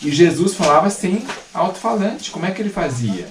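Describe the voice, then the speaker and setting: A man's voice: high-pitched, very animated, reverberant, noisy background. Man talking from far off the mic. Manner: explains with deliberate articulation, frequent "né?". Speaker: missionary host. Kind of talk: casual religious chat on a live stream.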